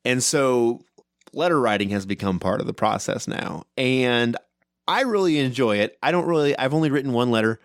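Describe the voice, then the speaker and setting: A man co-hosting a podcast about running tabletop games, talking loud and fast in casual chat and tagging many sentences with "right?". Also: medium pitch, expressive, no room sound, clean studio sound. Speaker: podcast co-host and game master.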